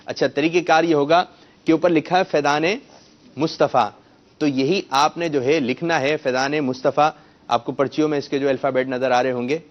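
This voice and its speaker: A man hosting a children's quiz show, coaxing the kids and correcting their pronunciation. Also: medium pitch. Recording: muffled lo-fi broadcast sound.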